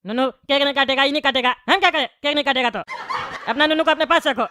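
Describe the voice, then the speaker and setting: A woman voicing a boastful, sharp-tongued bald male politician in a cartoon comedy. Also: high voice, very fast, a little hiss or hum. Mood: mocking. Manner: mocking, dismissive retorts.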